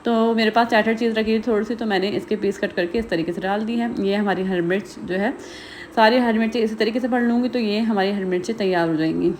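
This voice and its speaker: A woman talks viewers through a home recipe. She speaks quickly and casually, with plenty of filler phrases. Her voice sits at a middle pitch, and faint noise is heard behind her. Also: a little mellow. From Pakistan. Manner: rapid, chatty, heavy use of filler phrases. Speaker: cooking vlogger. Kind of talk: recipe voice-over narration.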